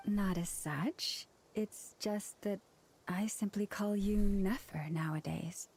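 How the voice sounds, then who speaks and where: A woman voicing a gentle, formal young maiden with a soft, measured delivery in an anime video game. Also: mid-range voice, breathy edge. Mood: earnest, gentle.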